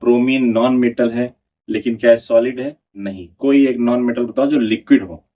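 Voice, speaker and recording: A man teaching an exam prep science lesson. He reads notes slowly, then explains them in Hindi and asks questions that he answers himself. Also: medium pitch, steady tone, dark tone, distant mic.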